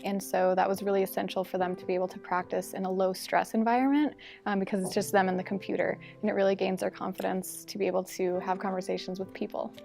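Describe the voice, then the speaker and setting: Gravelly-voiced teacher explaining her classroom. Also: mid-range voice, flat delivery, fast, hardly any pauses. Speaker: English-as-a-second-language teacher. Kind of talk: interview testimonial. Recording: soft music bed underneath.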